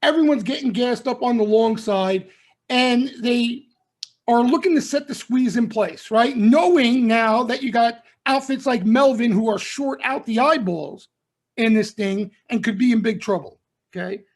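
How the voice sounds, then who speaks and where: Unhurried yet pitched very high, a middle-aged man hosts a live trading broadcast, offering market talk that's blunt and forceful. He speaks in street slang and keeps checking in with listeners through a near-constant "okay?" and "right?"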